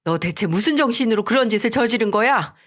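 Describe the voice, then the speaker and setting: A woman's voice: on the high side, lively intonation, quick pace, lightly acted. A woman voicing an angry older mother-in-law who sternly scolds her daughter-in-law in a radio story drama. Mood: stern scolding.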